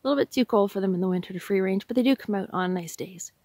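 A homesteading vlogger, a Canadian woman in her forties, talks very fast in a mid-range voice while filming herself with a handheld phone beside a snowy hen house. In relaxed, chatty how-to narration, she thinks aloud about her chores.

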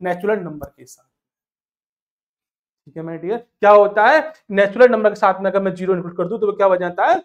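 A man's voice: high-pitched, fairly quick, pauses often, dull audio. A man teaching an exam-prep math lesson, repeatedly asking rhetorical questions and answering them himself, and calling listeners "my dear". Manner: calls listeners "my dear", mixes English terms into Hindi; counts numbers aloud in steady rhythm.

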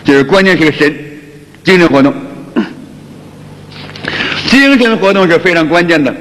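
A man teaching a qigong lecture, talking in a colloquial, lively way and often repeating his phrases. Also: on the high side, normal speed, a little hiss or hum. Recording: long hall reverb.

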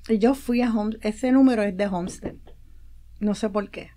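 A woman's voice: mid-range voice, normal speed, mellow. A woman guest on a radio show, telling a personal story with feeling and acting out the dialogue she quotes. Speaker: guest, promoter and publicist. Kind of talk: casual interview talk. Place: radio studio.

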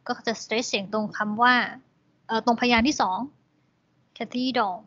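A woman's voice: a little high, little pitch movement, normal speed, fairly bright tone. Woman english teacher, patient + polite, kinda muffled lo-fi audio. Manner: explains English words, polite particles. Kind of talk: slow classroom explanation. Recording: dull lo-fi recording.

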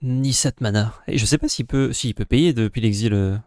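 A man co-hosting casual gameplay commentary, thinking aloud and counting out his plays in a relaxed way. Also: medium pitch, normal speed, no room sound, studio quality. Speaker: co-host playing the game.

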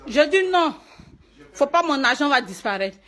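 In an emotional live video filmed indoors at a private home, the singer and stage performer is upset and tearful, repeating herself while pleading her case. Her high voice is a bit bright, with lively intonation and a moderate pace.

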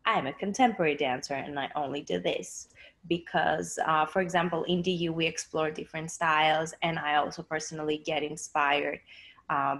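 A woman's voice: sits low, a bit bright, poor audio. A young woman from Greece, a dancer, talking on a video call from her living room couch, with many fillers and restarts. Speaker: dancer and choreographer guest. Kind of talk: casual interview on a video call. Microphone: laptop webcam on a video call.

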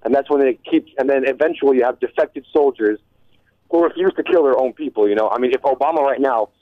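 A man's voice: mid-range voice, quick pace, no room sound. A young man, a college freshman, calling in to a talk radio show and arguing passionately and urgently. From United States. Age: young adult. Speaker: caller. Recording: tinny phone line.

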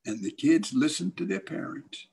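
A man's voice: fairly high pitch, animated, moderate pace, gravelly, a little mellow, husky. An older male evangelist pastor telling a dramatic storytelling sermon and acting out the voices.

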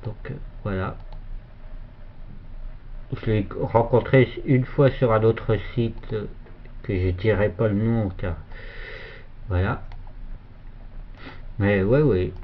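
A man giving a casual, hesitant shoutout for another channel while filming his computer screen, with many fillers and restarts. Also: on the low side, slow, long pauses, a little hiss or hum. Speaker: youtuber. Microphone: phone filming a monitor. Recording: dull lo-fi phone recording.

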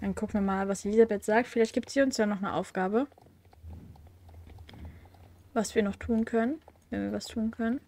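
Playing through a game at home, a young woman with a cold reads quest text aloud and chats casually, dropping wry asides, fillers, and self-corrections as the host. She speaks at normal speed in a warm, mid-range voice, with long pauses.

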